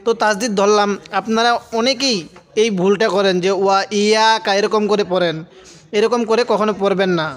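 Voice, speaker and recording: A man teaching Quran reading in a lesson, spelling out each word slowly and pausing for viewers to repeat after him. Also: high voice, steady tone. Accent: Bangladeshi Bengali. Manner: slow drawn-out syllable-by-syllable recitation, then quicker plain explanation; addresses viewers directly and pauses for them to repeat.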